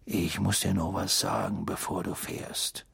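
A man voicing a worried, kindly middle-aged father who speaks hushed and earnest in an audiobook. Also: medium pitch, expressive, slow pace, gravelly, slightly rough, dry recording, exaggerated voice.

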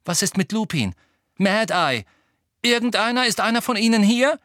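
A man voicing a desperate teenage boy wizard who shouts urgent demands. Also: high-pitched, expressive, moderate pace, no echo, studio quality, voice pushed up.

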